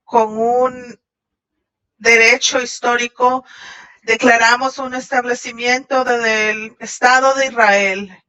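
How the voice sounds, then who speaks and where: A woman voicing a Shabbat message in translation, halting at times and restarting. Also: a little high, fairly even intonation, pushed and bright. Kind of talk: translated sermon voice-over. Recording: dull lo-fi audio.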